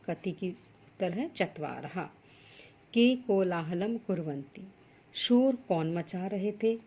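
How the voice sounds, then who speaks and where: A woman's voice: on the low side, lively intonation, takes it slowly, husky, muffled recording. A woman teaching Sanskrit to school students, working through textbook exercises. She reads each Sanskrit word and then explains it plainly in Hindi.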